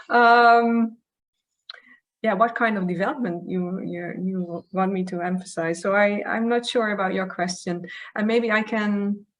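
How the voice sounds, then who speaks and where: Hesitant woman moderating, mid-pitched. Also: rough recording. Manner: hesitant, searching for words. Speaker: host moderating questions. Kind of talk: informal online session moderation.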